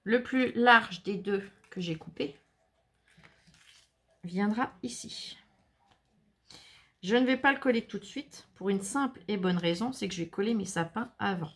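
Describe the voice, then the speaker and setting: A woman with a middle-range voice talks through a crafting tutorial in a relaxed, chatty way. She keeps turning to her viewers with little fillers and asides as she explains each step. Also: mid-range voice, measured pace, long pauses. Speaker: craft channel host.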